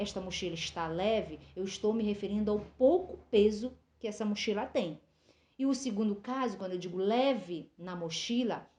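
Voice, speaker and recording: A woman's voice: medium pitch, a little mellow. A female teacher explaining a lesson step by step and checking in with the class through many small fillers. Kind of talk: recorded school lesson. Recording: roomy echo.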